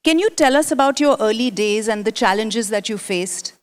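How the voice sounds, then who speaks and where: A woman moderating a stage panel, reading a measured, formal introduction and asking questions. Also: fairly high pitch, animated. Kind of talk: stage interview with scripted introduction.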